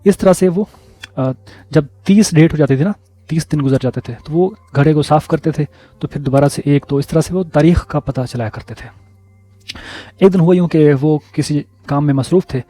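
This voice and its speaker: A man telling personal stories in a casual vlog, relaxed and repeating words for emphasis. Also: fairly high pitch, no echo. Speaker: vlogger.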